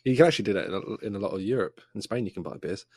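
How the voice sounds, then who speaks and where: A man's voice: fairly low pitch, animated, racing, no room sound, clean studio sound. A young English man co-hosting a podcast, talking enthusiastically and swearing casually. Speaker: podcast co-host. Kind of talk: casual chat.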